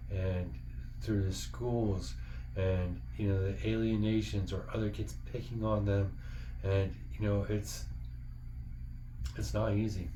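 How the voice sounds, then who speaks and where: A man speaks as a parent to other parents in a casual, heartfelt monologue that's earnest and encouraging. His voice is low-ish and warm, recorded in dull lo-fi with faint background noise.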